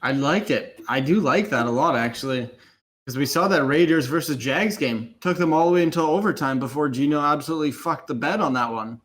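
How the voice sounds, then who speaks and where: A man's voice: a little high, brisk, a bit bright. A man co-hosting a sports podcast, talking in a hedging, conversational way. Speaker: podcast co-host. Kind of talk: casual sports chat.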